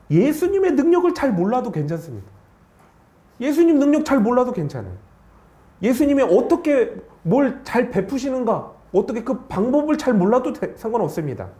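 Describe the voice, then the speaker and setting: Male pastor, lively swinging delivery, dark mellow tone, echoey sanctuary sound. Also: on the high side. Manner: animated preaching with rhetorical questions. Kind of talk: sermon. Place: church sanctuary. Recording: echoey church hall.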